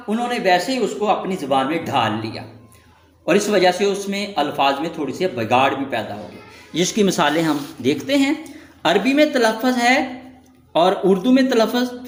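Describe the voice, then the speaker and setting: A man teaching a language lesson, reading out word pairs in a slow, deliberate way. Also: sits high, roomy sound. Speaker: Quranic Arabic teacher.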